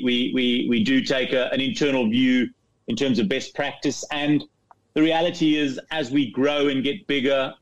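A middle-aged man from Zambia, a company chief in a business interview, speaking haltingly with many restarts and repeated words. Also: medium pitch. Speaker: property fund CEO, guest. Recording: dull lo-fi remote line.

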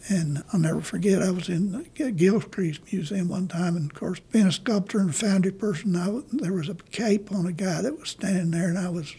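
An older man, an artist being interviewed, telling stories in a rambling, halting way. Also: sits high, warm tone, breathy edge. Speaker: artist guest. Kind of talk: casual interview talk.

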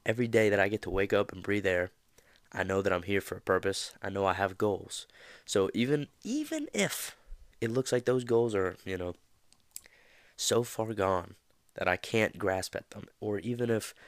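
A man hosts a motivational podcast in a casual, rambling style packed with fillers. His voice is on the low side and sing-song at a normal pace, slightly nasal from a mild cold, recorded dry with studio quality.

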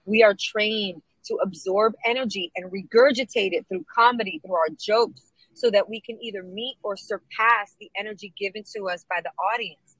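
A middle-aged woman comedian from New York, chatting in an interview, upbeat and lively, dropping Spanish phrases now and then. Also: medium pitch, moderate pace, slightly rough, no echo, poor audio. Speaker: guest, comedian and producer. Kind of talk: casual interview chat.

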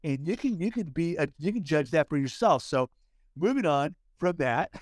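A man's voice: a little high, animated, moderate pace, no room sound. A man co-hosting a podcast who leads the conversation, hypes up his friend and often restarts his sentences. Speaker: podcast co-host. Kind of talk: casual chat, leading the story.

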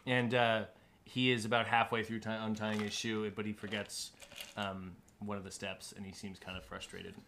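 Earnest, rambling man, low voice. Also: level tone, moderate pace, a bit bright, a little hiss or hum. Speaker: player and podcast co-host. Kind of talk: casual tabletop podcast.

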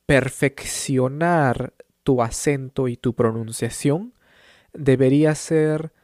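Speaking deliberately and clearly, a male language teacher from Peru gives a monologue at an easy pace, giving each phrase room to land. He sounds calm and supportive, sometimes repeating things in English. His pitch is medium, and the audio is close and dry with no room sound.

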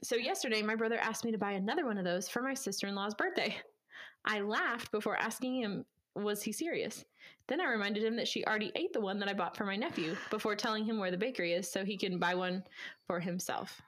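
A woman's voice: medium pitch, fast talker, fairly bright tone. A woman co-hosting a casual podcast chat, laughing often and reading posts aloud. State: has the hiccups. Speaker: podcast co-host.

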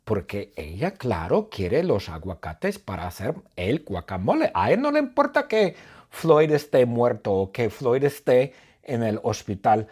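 A husky-voiced man narrates a silly story at an unhurried pace. His pitch leaps around as he plays it up, acting out shouts and sound effects for his listeners. The telling is playful and deliberate, shaped for language learners. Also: sing-song. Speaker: Spanish teacher telling a story.

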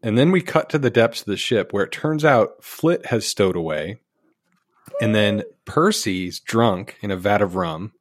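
A man's voice: lowish voice, animated, measured pace, no room sound, clean studio sound. A man co-hosting a podcast, casually retelling a movie plot with jokey asides. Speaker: podcast co-host. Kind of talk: casual movie recap chat.

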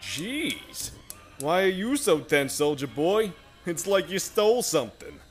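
An actor playing a crude, menacing mobster who mocks and threatens, in an audio drama. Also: male voice, high-pitched, very animated, measured pace, faint music behind. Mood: mocking. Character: crude, menacing male mobster, a made man. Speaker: gangster.

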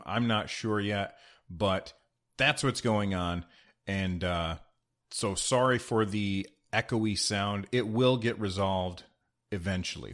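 A man with a lowish voice hosts a solo podcast, talking casually in a chatty, rambling way packed with fillers. He's recording in a half-finished studio room, and his voice bounces off the walls with a clear echo.

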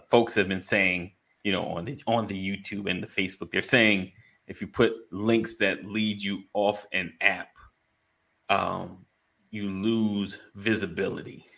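Here the host of a live online men's community show keeps up breezy morning-DJ banter, addressing listeners by name in casual, colloquial terms. He sounds low-pitched and gravelly, with a slightly bright edge.

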